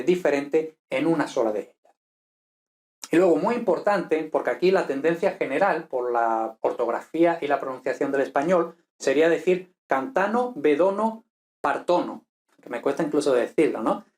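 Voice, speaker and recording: Man explaining Italian grammar, slightly high voice. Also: a little mellow. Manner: explanatory, checks in with frequent "¿vale?". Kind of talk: lecture over slides.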